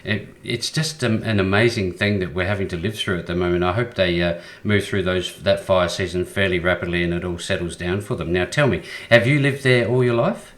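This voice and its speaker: A man hosts a casual interview over a video call, speaking in a fairly low voice. He hesitates often, restarts his sentences and repeats words. He fills his pauses with a stream of filler sounds. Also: a bit bright. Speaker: show host.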